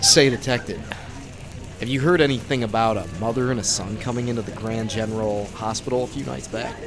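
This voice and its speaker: An actor playing a young, grave masked vigilante who poses as a bartender, in a theatrical 1920s radio drama style. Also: male voice, medium pitch, a little fast, a crowd in the background, natural voice. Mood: affable, probing. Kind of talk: 1920s old-time radio drama acting. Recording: loud music under the voice.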